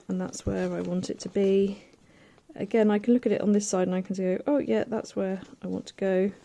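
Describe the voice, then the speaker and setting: Mellow-voiced woman demonstrating quilt piecing. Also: mid-range voice. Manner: chatty, thinks aloud while working, soft asides. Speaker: quilting tutor. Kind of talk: casual hands-on sewing demonstration.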